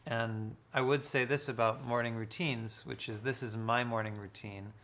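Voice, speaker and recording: A man speaking as a guest author, talking slowly and deliberately in a live social-media conversation. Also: medium pitch, steady tone, a bit bright. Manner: slow, deliberate and measured.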